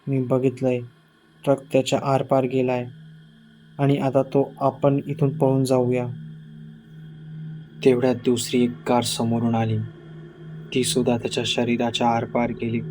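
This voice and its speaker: Guy narrating a scary story, super flat monotone, loud music bed under him. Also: mid-range voice. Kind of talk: scripted horror narration. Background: loud eerie background music.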